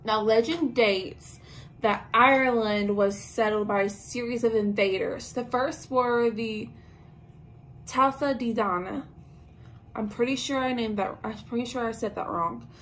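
Speaking a little slowly in a fairly high, fairly bright voice, a young woman presents a casual witchcraft lesson to camera for her talk channel. She's informal, with lots of ums and slangy asides, recorded at arm's length in a small bedroom decorated with tapestries, with a little hiss or hum present.

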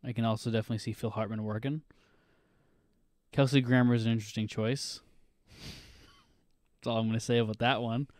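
A man's voice: medium pitch, little pitch movement, a little fast, pauses often, darkish tone, no room sound, clean studio sound. A man hosting a podcast in casual chat, rambling through lists of names with many fillers. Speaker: podcast host.

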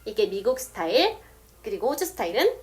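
A woman explaining English words step by step, saying example sentences slowly. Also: medium pitch, big pitch swings, darkish tone. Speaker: English teacher. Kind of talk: casual video lesson.

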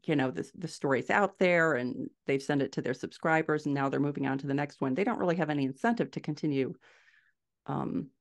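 An indie fiction author in middle age joins a podcast as a guest via video call from a small, furnished room in her home. In a low voice she talks conversationally, laying out her points step by step and leaning on the key words.

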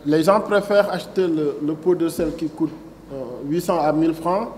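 At a signing ceremony in a conference room, an agency director in his forties with a Senegalese French accent delivers a formal speech into a table microphone. He shifts from a prepared text to speaking off the cuff, with plenty of fillers and restarts. His voice is on the high side, a little mellow, at normal speed, with slight hiss or hum.

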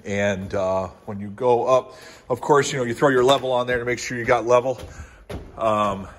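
A man's voice: mid-range voice, fairly even intonation, moderate pace. A middle-aged man narrating a casual walkthrough of his barn project, rambling with lots of fillers, filmed on a handheld phone inside a large metal barn. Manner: rambling, many fillers, folksy. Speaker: DIY barn builder. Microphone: handheld phone camera.

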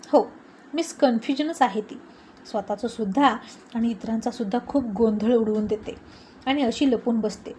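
A woman reading a serialized romance story aloud in a steady storytelling way. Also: a little high, a little hiss or hum, low-quality recording. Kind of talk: scripted story narration.

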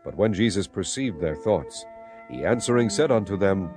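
Dramatized scripture is narrated by a man in a solemn, storytelling style, his voice fairly low but rich with lively intonation shifts. He keeps a normal speed while music plays distinctly in the background.

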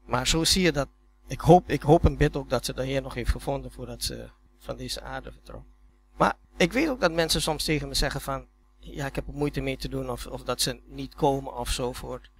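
A man's voice: medium pitch, gravelly, a bit bright, slight background noise. A man preaching a sermon in a church, telling stories in a conversational way that builds to emphatic peaks, often repeating words as he restarts. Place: church hall.

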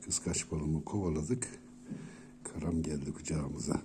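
A man's voice: rumbling low, unhurried, background noise. A man talking to his pet cats at home, coaxing and soothing them with many repeated calls. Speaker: pet owner. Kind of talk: casual talk to pet cats.

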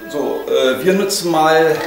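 An older man with a fairly high, animated, creaky voice chats slowly and casually through a home cooking vlog, hesitating often. He wears a lapel mic in his kitchen, yet the mic sounds distant, and the echoey room has music playing behind him.

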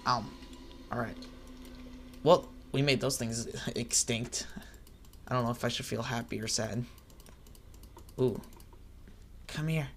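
A man giving excitable let's play commentary, chattering at the creatures on screen as he plays. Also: medium pitch, slow, pauses often, a little hiss or hum. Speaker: gaming channel host.

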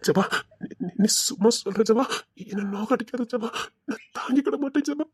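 A woman's voice: a little high, moderate pace, darkish tone, breathy edge, dry recording. A woman playing a desperate, pleading young man. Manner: pleading, crying. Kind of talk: audio drama acting.

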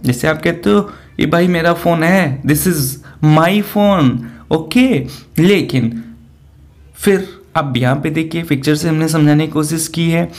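A young man with an Indian accent, teaching English words in an exam-prep video lesson. He repeats words over and over, asks the class questions and adds jokey asides. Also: fairly high pitch.

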